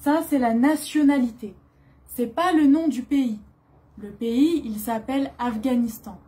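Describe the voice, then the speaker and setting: A woman from France teaching beginner French, speaking slowly and repeating each word with careful articulation. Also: fairly high pitch, mellow. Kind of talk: slow beginner language lesson.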